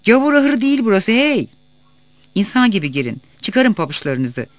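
A man voicing a flustered, sharp-tongued old village woman who scolds indignantly. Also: high voice, sing-song, fairly quick, no room sound.

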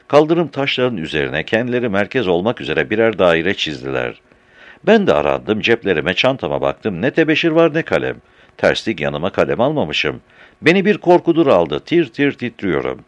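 A man reading a story aloud in an animated, expressive way, changing his voice for each character. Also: low voice, no room sound. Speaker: narrator.

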